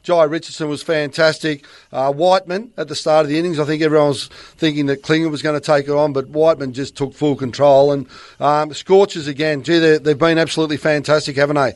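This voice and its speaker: A man's voice: on the high side, fairly even intonation, quick pace, no echo. An Australian man co-hosting a radio sports show, chatty and enthusiastic. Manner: chatty, enthusiastic, says mate a lot. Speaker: radio co-host. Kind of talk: casual radio chat.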